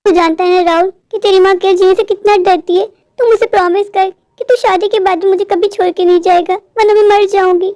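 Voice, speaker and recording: A woman's voice: extremely high pitch, steady tone, brisk, a little mellow, no room sound, studio quality. A woman voicing a doting middle-aged mother bird in a cartoon, fussy and affectionate and afraid of being left alone. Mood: worried. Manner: fussing, affectionate. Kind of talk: cartoon voice acting.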